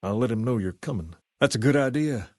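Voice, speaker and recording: A man playing a self-assured, folksy gang boss in a video game, with a Southern US accent and a measured way of talking. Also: mid-range voice, lively intonation, a little mellow, no room sound, clean studio sound, natural voice. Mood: easygoing, assured. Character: charismatic, folksy male gang boss styled on a rock-and-roll idol. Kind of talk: video game character dialogue.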